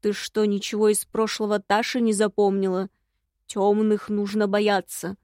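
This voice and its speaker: A woman's voice: medium pitch, little pitch movement, moderate pace, warm tone, dry recording, clean studio sound, lightly acted. A woman reading an audiobook voices a fussy, scolding male imp that looks like a hare, nagging in an exasperated tone.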